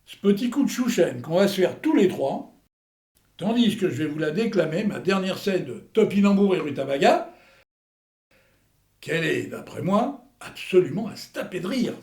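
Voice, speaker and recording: Guy playing hammy old war vet in a stage comedy, florid and boastful, gravelly, roomy echo. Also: sits high, very animated, normal speed, a little mellow. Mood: grandly enthusiastic. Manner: hammy, theatrical stage delivery with florid slang. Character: Hector, boastful old war veteran and amateur playwright. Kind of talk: theatrical comedy acting. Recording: echoey room.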